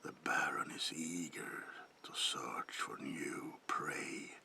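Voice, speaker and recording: A man playing a predatory, courtly vampire baron in a whispered ASMR roleplay, slow and theatrical, with a breathy gravelly whisper and softly menacing politeness. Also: rumbling low, heavily acted. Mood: gloating, musing.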